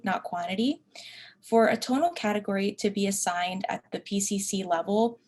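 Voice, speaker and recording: A woman presenting at an academic conference, reading her prepared part aloud. She explains technical steps in an even, steady, scripted manner. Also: medium pitch.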